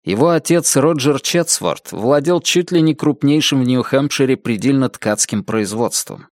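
Man narrating an audiobook, lively. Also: mid-range voice, moderate pace, no room sound, studio quality.

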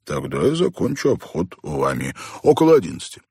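Brisk, teasing male doctor, played by a man; low and lively. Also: slightly rough, dry recording, clean studio sound, heavily acted. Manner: brisk, joking.

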